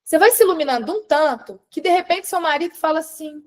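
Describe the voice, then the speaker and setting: High-voiced animated woman coaching a live. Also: fast talker. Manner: animated, addresses viewers by name. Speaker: relationship coach. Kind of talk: live-stream teaching talk.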